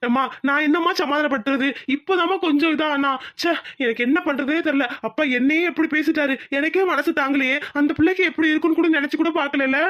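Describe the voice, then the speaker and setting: A young husband in a cartoon, torn apart as his family quarrels, acted by a woman. The voice is high and the words tumble out fast, in an anguished, pleading tone. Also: fairly bright tone, muffled recording. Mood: helpless. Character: distressed young husband, son of the house. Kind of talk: cartoon voice acting.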